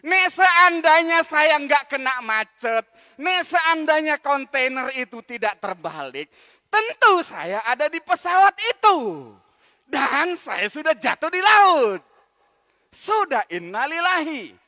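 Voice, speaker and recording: Pastor playing a panicky stranded traveler. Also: male voice, very high-pitched, big pitch swings, takes it slowly, long reverb tail, pitched above the performer's own voice, full character voice. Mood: relieved. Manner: loud, pleading and exasperated outbursts. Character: panicked middle-aged man stuck in traffic.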